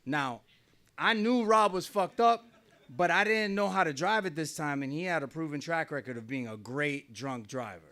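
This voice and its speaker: With a slightly high voice, a sharp tone and a normal speaking speed, this middle-aged New Jersey man tells a personal story on a small stage. He keeps it wry and conversational, often laughing as he goes.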